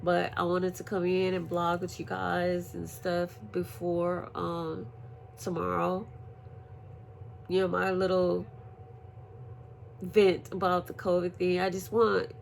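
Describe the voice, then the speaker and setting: A woman recovering from surgery, telling a story in a profane, animated casual vlog. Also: lowish voice, slow pace, gravelly, long pauses, a little hiss or hum. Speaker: vlogger. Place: at home, indoors.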